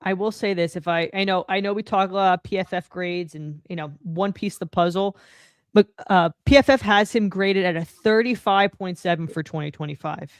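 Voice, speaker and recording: A woman's voice: medium pitch, a little fast, dry recording, studio quality. A woman co-hosting a sports podcast, blunt and dismissive, backing her points with stats. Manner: blunt, dismissive, stat-driven. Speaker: podcast co-host. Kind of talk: casual sports chat.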